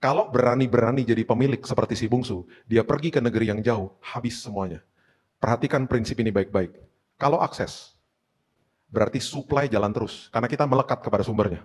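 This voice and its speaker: A man's voice: mid-range voice, fairly quick. A middle-aged man preaching a sermon as a pastor, telling stories with humorous asides. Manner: animated storytelling with humorous asides.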